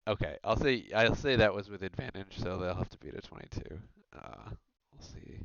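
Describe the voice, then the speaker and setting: A man's voice: low-pitched, moderate pace, a bit bright, clean tone, dry recording. A man narrating a tabletop game as game master, talking loosely with many fillers. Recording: dull lo-fi mic.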